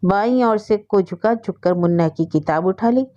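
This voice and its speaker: A woman reads a story aloud in a steady, expressive way. Her voice is mellow and warm, and the recording has a slightly dull, lo-fi sound. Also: mid-range voice, moderate pace.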